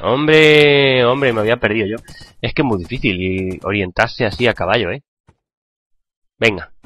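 Hoarse guy from spain doing game commentary, chatty, joking, dry close mic. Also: medium pitch, sharp tone, dry recording. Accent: Spain Spanish. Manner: chatty, joking, talking to viewers while playing. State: hoarse from a cold. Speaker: gaming channel host. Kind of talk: gameplay commentary.

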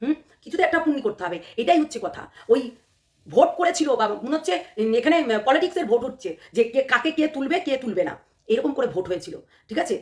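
A hoarse woman, worn down by a cold, talking straight to her viewers. Her voice sits a little high and she rushes her words out quickly. She pushes every point hard, repeating phrases and throwing questions back at the audience. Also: a bit bright. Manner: heated and emphatic, repeats phrases, fires rhetorical questions. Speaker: vlogger. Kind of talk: casual direct-to-camera commentary.

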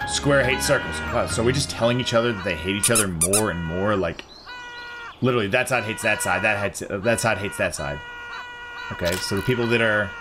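A gaming channel host with a lowish voice gives casual let's-play commentary, reacting aloud and swearing freely as he plays a video game. Game music plays behind him amid heavy background noise.

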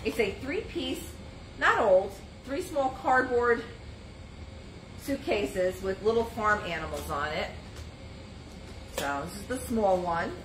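Expressive yet slow, with long pauses, a middle-aged woman's medium-pitched voice carries a live antiques sale from a shop booth. She chats casually as she reads out items, sizes and prices. A phone or camera on a stand catches her moving around in frame, in a roomy shop with background noise.

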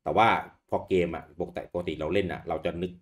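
Deep-voiced man chatting casually. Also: quick pace. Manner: relaxed, chatty, swears casually. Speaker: podcast co-host. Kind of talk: casual chat about retro games.

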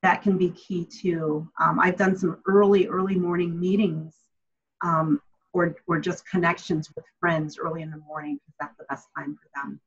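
A woman's voice: on the low side, level tone, moderate pace, slightly rough. A woman speaking from home on a video call, answering audience questions in a friendly, reflective way with frequent ums. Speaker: guest speaker. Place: home room, indoors. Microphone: webcam on video call. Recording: slightly muffled video-call audio.

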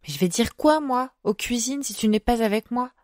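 A woman voicing a spirited young girl who works in the stables, pleading and scolding in quick bursts. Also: fairly high pitch, expressive, a little mellow, dry recording, clean studio sound, voice pushed up, lightly acted. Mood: teasing.

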